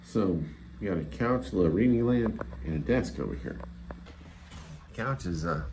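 Deep and a little mellow, this man's voice has lively intonation at a normal speed. The travel vlogger, in his forties, reviews a motel room in a rambling, casual, blunt vlog with mild profanity, filmed indoors in hotel rooms and hallways. It's recorded on a phone at arm's length, and the sound is noisy.

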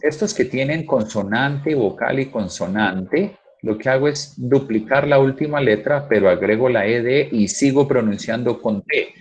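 A man teaching a basic English class online, drilling pronunciation by repeating words slowly and urging his students on. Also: medium pitch.

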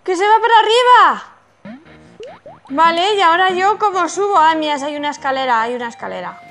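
A woman with a Spain Spanish accent giving excited, exclamatory commentary as she plays a video game. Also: extremely high pitch, a little fast. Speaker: gaming streamer.

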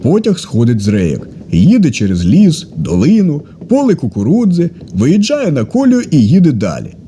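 A man reading jokes aloud, slowing down for the punchlines. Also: on the high side, huge pitch swings, warm tone, a little hiss or hum. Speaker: joke teller.

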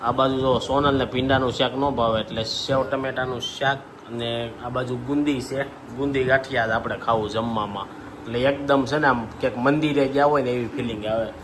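A man's voice: medium pitch, fairly even intonation, brisk, roomy sound, background noise. A man, chatting casually to viewers in a family vlog. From Gujarat, India. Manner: chatty, talks to viewers as "guys". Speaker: vlogger.

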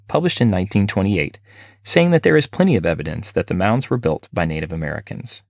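Male podcast host, deep and dry, measured reader of scripted history. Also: no echo. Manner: steady, measured reading.

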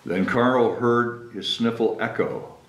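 With a mid-range, fairly bright voice, a man in his sixties reads slowly and expressively from a picture book, keeping things simple for the children. He's the mayor at a library story time, at a table in a small whiteboard meeting room. The sound echoes, with the highs cut off.

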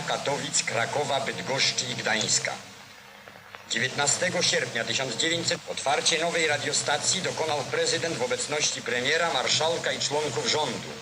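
A man's voice: medium pitch, moderate pace, poor audio. A man narrating a 1940s newsreel in a solemn, declamatory old-style. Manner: solemn, declamatory, formal delivery. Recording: vintage 1940s newsreel soundtrack with music.

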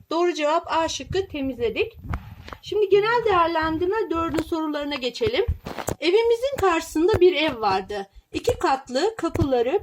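A woman reading out test questions to young pupils and explaining each answer in a clear, patient way. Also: high-pitched, slight background noise.

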